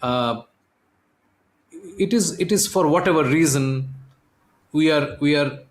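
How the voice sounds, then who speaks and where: A man's voice: fairly high pitch, slow pace. A man hosting a podcast interview, talking thoughtfully and repeating words as he reaches for his point. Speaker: podcast host. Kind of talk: conversational interview. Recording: echoey room.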